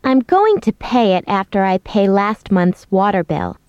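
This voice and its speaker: A young roommate in a language-course dialogue, voiced by a woman, clear and expressive. Her voice is fairly high and her pitch moves a lot. The recording is dry and a little muffled. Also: measured pace, no echo. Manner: expressive, clear scripted delivery. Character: young woman roommate explaining unpaid bills.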